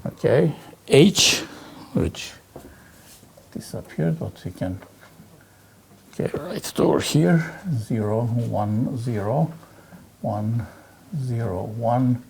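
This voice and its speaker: Slow, gravelly male physics lecturer. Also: mid-range voice, a little mellow. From Turkey. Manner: slow, halting, with frequent "okay" and "right". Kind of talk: university lecture working through exercises. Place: lecture hall.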